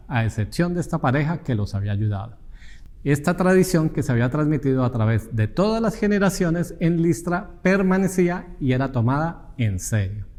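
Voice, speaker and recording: A man's voice: mid-range voice, a little mellow, big-room sound. A man preaching a sermon in an earnest teaching tone, asking the congregation rhetorical questions.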